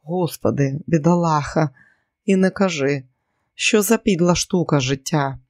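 A man's voice: on the high side, measured pace, no room sound, studio quality, lightly acted. A man voicing a worried working mother in an audiobook reading. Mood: dismayed.

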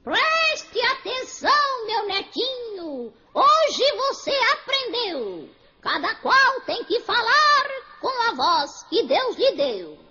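A woman voicing a kind old grandmother parrot who speaks gently, like a teacher. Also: very high-pitched, sing-song, slow, lo-fi sound, very noisy, exaggerated voice. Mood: gentle. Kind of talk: children's story acting.

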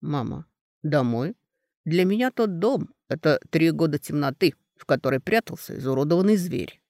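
A man voicing a calm, stubborn young man who quietly stands up to his mother in an audiobook. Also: on the high side, moderate pace, no room sound, clean studio sound. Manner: quiet, calm, softly firm. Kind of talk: audiobook character voice.

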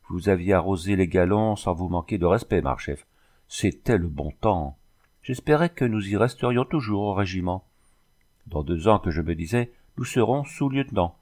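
Brief: a man playing a queasy, hangdog old cavalryman for a storybook, whining and deferential, voice raised above a very low natural pitch. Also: darkish tone. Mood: wistful. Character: seasick old soldier, whiny and deferential.

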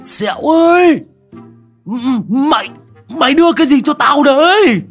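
A man voicing a boastful, cowardly old exorcist in a storybook tale, who blusters in gruff barks and cracks into shrill, panicked cries. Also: little pitch movement, racing, faint music behind, full character voice.

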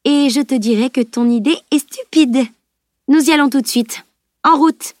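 A woman reading the voice of a spirited, bossy teenage girl in an audiobook, brisk and commanding. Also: a little high, a little mellow, no echo, studio quality, close to an everyday voice. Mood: firm.

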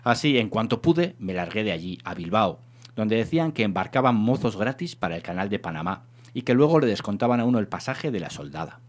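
Man reading a story with lively pitch. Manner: measured, expressive storytelling reading. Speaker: reader of a literary story. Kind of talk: scripted literary narration.

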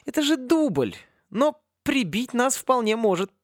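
A man voicing an excitable, bossy teenage girl witch in a storybook, high and shrill. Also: measured pace, no echo, studio quality, full character voice. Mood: panicked.

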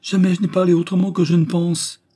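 A pleading, earnest young woman, voiced by a man reading a storybook aloud. She speaks up high and a little husky, her tone warm. Her words come urgent and sincere. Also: lively intonation, normal speed, lightly acted. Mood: earnest, protesting.

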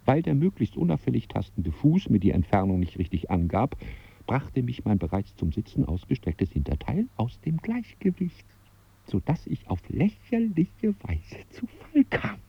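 A man's voice: wildly swooping pitch, moderate pace, vocal fry, breathy edge, lo-fi sound, full character voice. An actor playing a self-conscious man who narrates his unease with his own body, in a radio drama. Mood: brooding. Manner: brooding inner monologue, bursts into shrill rage. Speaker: first-person narrator of a radio play.

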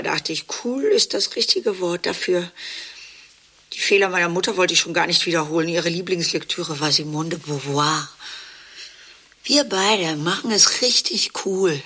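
An actress in a radio play, performing both monologue and dialogue, plays a chic, ironic woman who is a dentist's wife and someone's half-sister, speaking with a wry drawl. Her mid-range voice sounds pushed, bright and husky.

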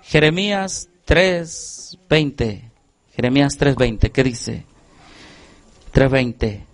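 A man's voice: medium pitch, lively intonation, extremely slow. A man preaching a sermon, reading scripture aloud and asking the congregation repeated questions so they fill in the words. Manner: reads scripture aloud with emphasis.

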